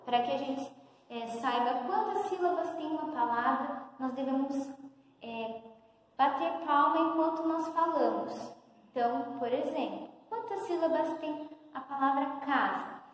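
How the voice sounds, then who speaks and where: A young woman from São Paulo state teaching a first-grade class, explaining slowly and patiently with many questions to the pupils. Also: high-pitched. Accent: Brazilian Portuguese, São Paulo state. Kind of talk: recorded lesson for young pupils. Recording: very echoey room, long reverb, faint noise.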